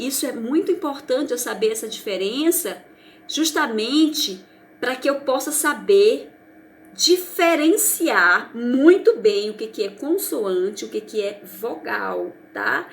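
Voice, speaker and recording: With a fairly high voice and a Brazilian Portuguese accent, a woman primary school teacher goes back over a lesson for young children. She is patient and encouraging and frequently checks that they are keeping up.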